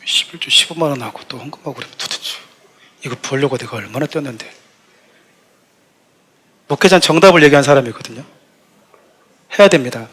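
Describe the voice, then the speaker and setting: A middle-aged man, the senior pastor of the church, preaching a sermon full of funny stories and acting out quotes with raised voice. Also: on the high side. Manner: animated storytelling, acts out shouted quotes. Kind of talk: sermon with humorous anecdotes.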